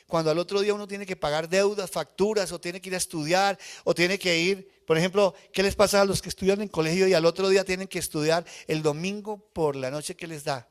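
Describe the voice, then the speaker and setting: Man, fairly high voice, emotional testimony-style preaching that keeps questioning the church. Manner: emotional personal testimony, asks the congregation questions. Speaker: pastor. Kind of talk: live sermon. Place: church sanctuary before a congregation.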